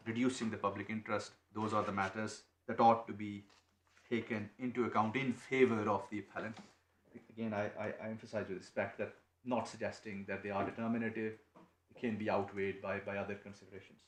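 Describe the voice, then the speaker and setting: Halting barrister in an echoey courtroom. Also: male voice, on the low side, flat delivery, a bit bright. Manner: halting, many restarts and repeated words. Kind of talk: courtroom legal submission. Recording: echoey courtroom, faint noise.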